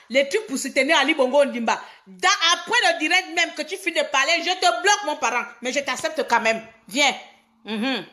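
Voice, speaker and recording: Woman live-streamer, high voice, scolding, repetitive rhetorical rant. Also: pushed and bright. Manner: indignant, scolding, repeats herself with rhetorical questions.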